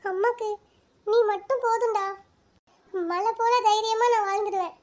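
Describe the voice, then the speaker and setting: A tearful young cartoon mother with a very high, thin voice, pleading and full of feeling, as a woman acts her out. She sounds close to tears, tender and heartfelt. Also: fairly even intonation, normal speed, darkish tone. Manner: emotional, pleading. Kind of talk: cartoon voice acting.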